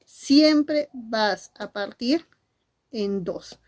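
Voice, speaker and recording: Woman teacher, animated, fairly high voice, asks and answers questions. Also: extremely slow. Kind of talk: classroom-style lesson to camera.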